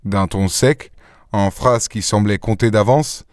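A man reading a literary story aloud in a measured narration, recorded on a close studio mic. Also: lowish voice, no room sound. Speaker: audiobook reader. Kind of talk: scripted narration.

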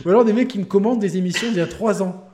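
A man's voice: high voice, very fast, a little mellow. A man hosting a casual gaming podcast chat, joking and laughing often. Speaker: podcast host.

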